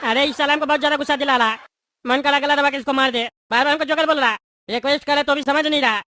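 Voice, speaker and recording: Woman doing a squeaky bald cartoon politician man. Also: steady tone, very fast, pushed and bright, slight background noise. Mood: grovelling. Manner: whiny, blustering then grovelling. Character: bald cowardly boastful male politician in jail. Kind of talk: cartoon voice acting.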